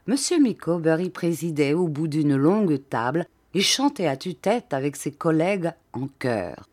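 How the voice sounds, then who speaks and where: A woman's voice: deep voice, animated, moderate pace, darkish tone. Woman reading a classic novel aloud. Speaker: audiobook reader.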